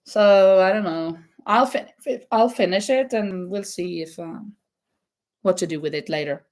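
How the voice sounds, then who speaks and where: Her voice is fairly low and a little mellow, with a non-native English accent. She hosts a casual crochet stream, chatting loosely with viewers, laughing often and stopping now and then to look for the right word.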